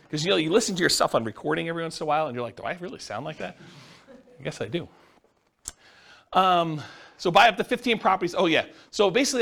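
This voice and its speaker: Fast-talking man with a gravelly voice. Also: on the high side, a bit bright. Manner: casual, explains numbers step by step, asks the class questions. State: losing his voice. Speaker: real estate instructor. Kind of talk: teaching a class.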